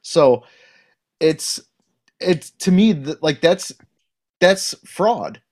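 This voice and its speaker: A man with a somewhat high-pitched voice talks in a relaxed podcast chat. He is blunt and emphatic and swears freely as he makes his points. His delivery is forceful and opinionated throughout. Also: very slow.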